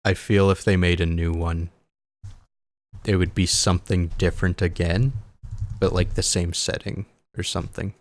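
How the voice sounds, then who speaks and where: A man co-hosting a casual podcast, chatting about video games and telling stories with lively acted-out quotes. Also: low-pitched, normal speed. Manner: chatty, animated storyteller who acts out quotes. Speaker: podcast co-host.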